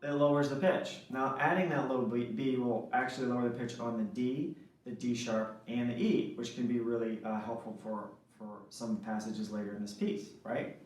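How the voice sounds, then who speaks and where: A man's voice: mid-range voice, steady tone, moderate pace, darkish tone, faint music behind. A man teaching a saxophone lesson, explaining step by step and often checking in with "right?". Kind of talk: instructional lesson. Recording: echoey room, mic at a distance.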